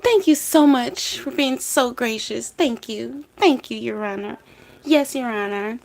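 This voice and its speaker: A woman's voice: on the high side, unhurried, vocal fry, pitched above the performer's own voice. A woman mimicking a fawning female defendant who thanks the judge with exaggerated sweetness. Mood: mocking.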